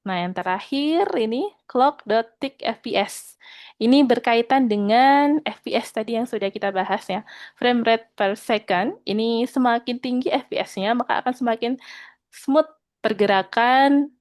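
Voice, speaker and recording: A woman teaching an online programming lesson. She speaks patiently, keeps checking in with her students, and slows down when she reads out code. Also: on the high side, darkish tone, no room sound.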